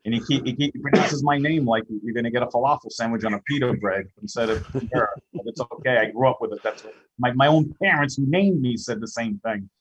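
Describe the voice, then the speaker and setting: A man's voice: mid-range voice, fast, few pauses, slightly rough, muffled recording. An older man with a heavy Brooklyn accent chatting casually on the radio, often repeating his opening words. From Flushing, Queens, New York. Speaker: radio guest, financial professional.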